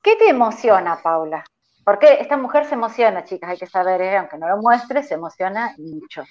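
A woman's voice: medium pitch, sing-song, fairly quick, darkish tone. Rioplatense woman host on a dull call line. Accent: Rioplatense Spanish. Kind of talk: casual interview chat. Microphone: video call.

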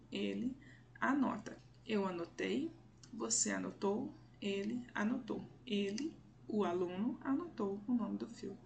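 Patient woman teacher, measured pace, slightly gravelly voice, models each word twice for learners. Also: medium pitch, a little hiss or hum. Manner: careful, deliberate, repeats words and models pronunciation. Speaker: language teacher. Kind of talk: slow, clearly enunciated lesson for learners.

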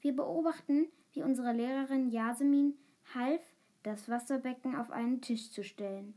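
A woman reading a children's book aloud, unhurried, with small slips and fillers. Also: sits high, warm tone. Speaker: reader.

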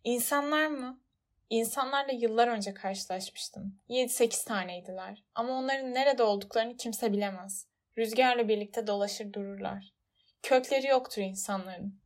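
A woman voicing a small, plain desert flower that muses offhandedly and slowly. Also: fairly high pitch, close to an everyday voice. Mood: musing.

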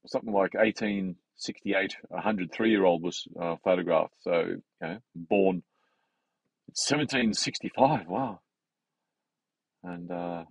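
A man's voice: low voice, no echo, poor audio. A man, a health advisor talking in a rambling, hesitant monologue full of fillers and restarts. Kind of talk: casual monologue.

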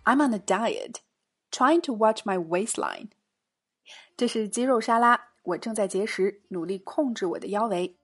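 A woman teaches a spoken English lesson, reading short dialogues and then breaking the words down slowly, sound by sound. Her voice sits at an ordinary pitch with a slightly husky edge. Faint music runs quietly beneath her. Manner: slow careful drilling of English sounds. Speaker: English teacher and podcast host.

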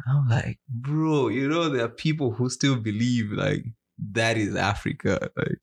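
A man's voice: medium pitch, steady tone, measured pace, vocal fry, husky. A man from Zimbabwe chatting on a podcast, telling stories animatedly and mimicking people, laughing often. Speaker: podcast co-host. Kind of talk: casual chat.

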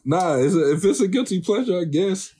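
A man's voice: high voice, expressive, fairly quick, mellow, husky. A young adult man talking casually as a co-host, in a laid-back, slangy way. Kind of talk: casual couple chat.

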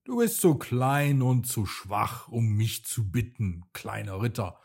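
A man's voice: medium pitch, slow pace, breathy edge, full character voice. A man voicing a huge male sun spirit made of fire, mocking and haughty, in a children's storybook. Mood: scornful. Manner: mocking, then calm and solemn.

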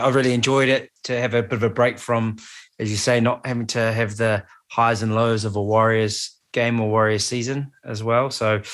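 A man's voice: medium pitch, fairly bright tone. A man with a Maori-influenced New Zealand accent, chatting casually as a sports podcast panellist. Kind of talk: casual sports commentary chat.

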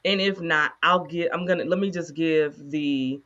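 A woman co-host in casual conversation, candidly telling a personal story with animated asides. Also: sits low, normal speed, muffled recording. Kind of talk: casual chat.

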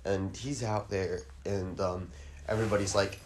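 A man hosting a comedy podcast, rambling crudely through a stream of ums and restarts and breaking into shrill squealed sound effects. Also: steady tone, moderate pace, darkish tone, slight background noise. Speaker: podcast host.

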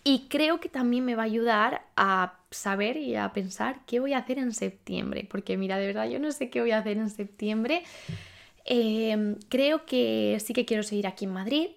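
Chatty young woman thinking out loud. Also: on the high side, moderate pace, creaky. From Spain. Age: 20s. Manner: chatty, thinking aloud with many fillers and self-questions. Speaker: podcast host. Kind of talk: casual monologue.

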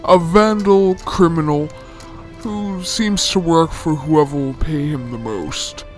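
A man playing a serious investigator in an amateur drama, giving a deliberate briefing. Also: a little high, faint music behind. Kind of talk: amateur crime drama acting.

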